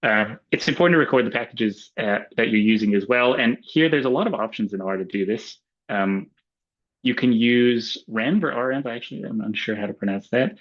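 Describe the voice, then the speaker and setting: An Australian man presenting a webinar in a casual, relaxed way, with frequent ums and uhs. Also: on the low side, brisk. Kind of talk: relaxed webinar talk with slides. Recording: dull lo-fi webinar audio.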